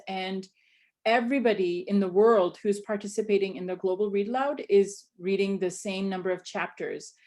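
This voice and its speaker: Woman from Pakistan, instructional coach, presenting to educators, chatty, lots of ums, mid-pitched voice. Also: darkish tone. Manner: conversational, many fillers and restarts.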